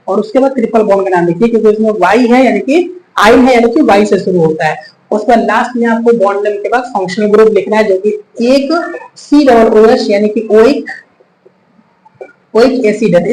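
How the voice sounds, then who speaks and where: A male chemistry teacher works through a lesson at the whiteboard, patiently repeating steps, counting out loud, and calling his students children. His voice sits high with a darkish tone. There's a little hiss or hum, and the room is echoey with faint ambience.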